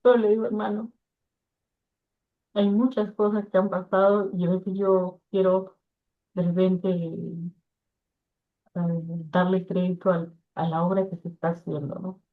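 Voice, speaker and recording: A woman's voice: lowish voice, unhurried, long pauses. A woman giving an earnest personal testimony in an interview, acting out what others said to her. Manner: earnest, quotes others in lively voices. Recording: tinny phone-like audio.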